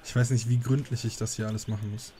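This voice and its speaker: A man's voice: medium pitch, flat delivery, fast, mellow, a little hiss or hum. A man giving casual let's play commentary, musing and thinking aloud.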